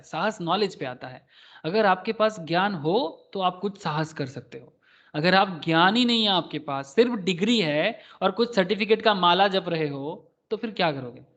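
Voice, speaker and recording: High-voiced man teaching a lo-fi class. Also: a bit bright. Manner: rambling, addresses students as sir, asks rhetorical questions. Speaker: stock market teacher. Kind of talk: online class lecture. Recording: dull lo-fi audio.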